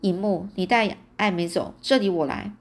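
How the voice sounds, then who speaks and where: Brief: steady protective young mage, read by a woman, firm and commanding. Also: moderate pace, close to an everyday voice. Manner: firm, low-spoken.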